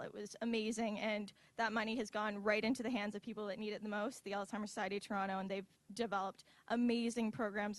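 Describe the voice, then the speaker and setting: A woman's voice: mid-range voice, no room sound. Woman, 20s. Earnest personal speech with light humor, dry close-miked sound. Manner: earnest, heartfelt, with light asides. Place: university event hall.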